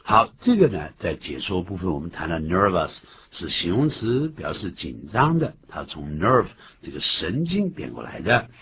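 A man hosting an English lesson, explaining words and pronunciation with lively emphasis. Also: normal speed, creaky, hardly any pauses, breathy edge. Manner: animated explaining, jumps high in pitch for emphasis. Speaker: English teacher host. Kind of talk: bilingual radio English lesson. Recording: dull lo-fi recording with faint hiss.

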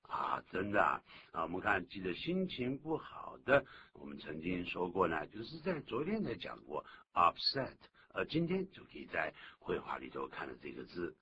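A low, older male voice, his pitch swinging widely as he explains English phrases for radio listeners. The recording is dull and lo-fi, with a clear hiss of noise underneath. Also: moderate pace, hardly any pauses. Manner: lively explaining, acts out complaints. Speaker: English teacher, radio host. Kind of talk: bilingual radio English lesson.

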